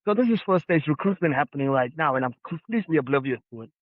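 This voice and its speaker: This slightly high male voice moves quickly, with lively intonation and no echo. He has a Johannesburg South African accent and, appearing as a podcast guest, earnestly and reflectively recounts his past while acting out the dialogue, all in a dry, phone-like narrow sound.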